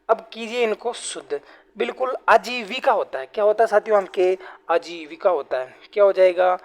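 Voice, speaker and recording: A man's voice: high voice, a little mellow. A man teaching an exam-prep grammar class online, who keeps asking questions and answering them himself. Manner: repetitive call-and-response questioning.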